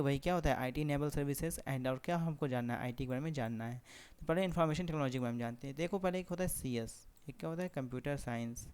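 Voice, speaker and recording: A man's voice: fairly high pitch, a little mellow, clean tone. A young Indian man giving a classroom lecture, talking conversationally, correcting himself and asking rhetorical questions. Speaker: teacher. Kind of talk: classroom lecture mixing Hindi and English.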